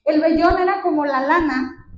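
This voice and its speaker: High-voiced woman preaching in echoey hall. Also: moderate pace, lo-fi sound. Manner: retells the story, asking the congregation questions. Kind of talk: storytelling sermon. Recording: echoey hall, distant mic, faint noise.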